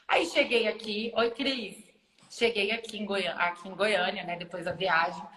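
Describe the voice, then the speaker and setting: Animated woman telling a story, echoey room. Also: moderate pace. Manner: animated, acts out other people's lines with big pitch leaps. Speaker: lawyer and university lecturer, guest. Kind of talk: casual storytelling in a live video chat. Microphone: phone or laptop live stream. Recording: echoey room with long reverb.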